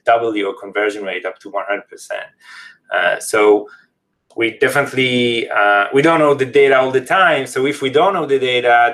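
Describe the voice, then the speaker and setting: Guy, medium pitch, explaining stuff on a podcast in slightly english. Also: fairly bright tone, poor audio. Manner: non-native English phrasing. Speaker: company representative, podcast guest. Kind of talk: casual interview, explaining a product.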